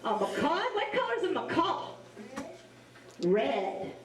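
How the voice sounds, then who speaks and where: A woman with a Cajun accent telling a story to children in a playful, animated way, acting out the dialogue. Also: high voice, measured pace. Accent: Cajun Louisiana. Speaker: storyteller and face painter. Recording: echoey large room, distant mic.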